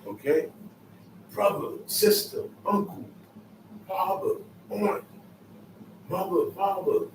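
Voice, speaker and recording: A man's voice: high-pitched, takes it slowly, a little hiss or hum. A man giving a Sabbath scripture lesson, emphatic and repetitive, in casual street phrasing. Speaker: Bible teacher. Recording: echoey room, mic far off, faint ambience.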